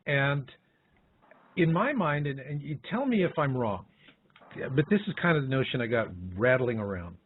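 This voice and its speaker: A man's voice: medium pitch, animated, moderate pace, a little hiss or hum. A man hosting a radio talk show, explaining his points in a conversational way. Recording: tinny phone-like sound.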